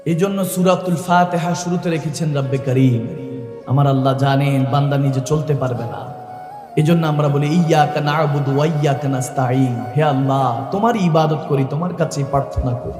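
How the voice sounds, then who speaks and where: A man preaching a rousing sermon to a large gathering, often shouting to the crowd over a PA system. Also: on the high side, normal speed. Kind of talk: Islamic sermon at a religious gathering. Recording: echoey hall-like reverb over a PA, faint music.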